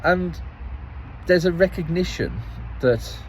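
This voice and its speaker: A man's voice: on the high side, lively intonation, slow, slight background noise, poor audio. A man giving a casual spoken account as a local parish councillor, rambling and restarting phrases as he tells the story with some exasperation.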